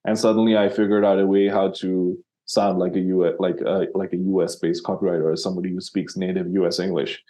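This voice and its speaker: Guest: man, low mellow voice, loose rambling talk full of fillers. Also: level tone, quick pace, few pauses. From Sri Lanka. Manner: rambling, many fillers and restarts. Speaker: copywriter guest. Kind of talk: casual interview talk.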